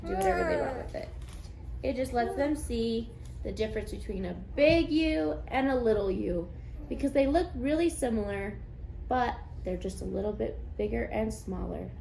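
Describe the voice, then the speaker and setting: A woman teaching young children in a sing-song, clearly enunciated way, encouraging them step by step with simple repeated phrases. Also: on the high side, animated, normal speed, mellow. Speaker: preschool teacher. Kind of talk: instructional lesson for young children. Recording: echoey room with faint background noise.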